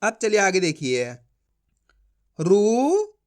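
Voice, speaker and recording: A man's voice: sits high, brisk, fairly bright tone. A man teaching an online reading lesson, sounding out each syllable before blending them into the whole word and coaching viewers as friends.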